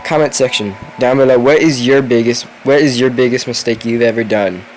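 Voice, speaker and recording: Young man, tired, reading a story aloud, casual asides, middle pitch, faint hum behind. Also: steady tone, fairly quick, rough recording. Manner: tired and yawning, chatty asides, swearing now and then. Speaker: story reader.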